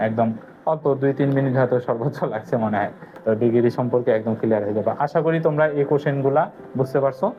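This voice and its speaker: A man giving a whiteboard grammar lesson, asking his students questions and answering them himself, slowly repeating key words. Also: mid-range voice, a little hiss or hum. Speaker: English grammar teacher. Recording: phone-like lo-fi audio with faint music.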